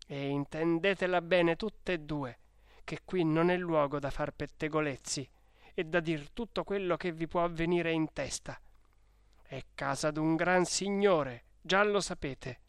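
A man's voice: on the high side, clean tone, dry recording, clean studio sound. A man doing a fretful old village priest. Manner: anxious, scolding in hushed tones. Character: fearful fussy old male village priest.

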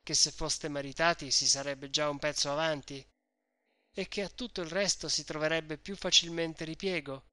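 A man reading the part of a shrewd, talkative middle-aged mother who insists and explains things at length, in a bright voice recorded dry. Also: fairly high pitch, steady tone, moderate pace, smooth, no room sound. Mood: explaining.

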